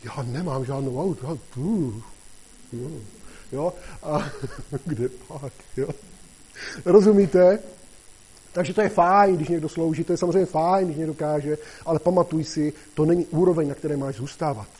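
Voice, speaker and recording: A man delivers an informal sermon in a slightly high voice with a dark, mellow tone. He talks conversationally and keeps checking in with his listeners. When he reads scripture, his voice rises and grows louder. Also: slightly rough, poor audio. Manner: conversational, constantly asks "jo?" and "že jo?"; rises in pitch and loudness when reading scripture. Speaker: preacher. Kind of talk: casual sermon.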